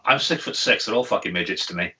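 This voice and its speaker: A man in his thirties talks fast in a chatty, wry podcast chat, his low voice edged and bright. He sits a little back from the mic, and the audio sounds lo-fi and dull. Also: animated. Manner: chatty, wry, loose swearing. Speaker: podcast co-host. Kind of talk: casual chat. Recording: lo-fi, a bit far from the mic.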